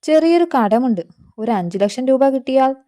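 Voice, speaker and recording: A man's voice: extremely high pitch, lively intonation, normal speed, warm tone. A woman voicing a greedy, scheming middle-aged uncle who drinks, in a storybook narration.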